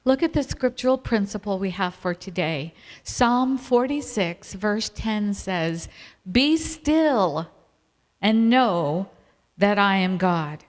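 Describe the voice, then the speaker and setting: A woman's voice: mid-range voice, animated, takes it slowly. A middle-aged woman, telling stories and laughing often as she co-presents a family ministry talk. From Virginia, USA. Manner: warm storytelling, laughs often. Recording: reverberant hall.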